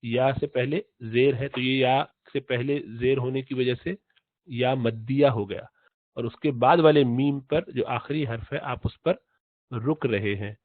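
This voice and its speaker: A man teaching tajweed in Urdu, explaining slowly, repeating letter sounds and chanting recited verses in long drawn-out tones. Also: mid-range voice, no room sound. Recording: tinny phone-like audio, dry.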